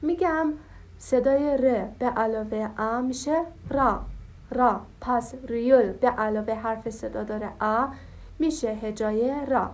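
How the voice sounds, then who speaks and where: A young woman with a slightly high voice teaching a language lesson. She explains each step patiently and stretches out syllables as she repeats them for practice.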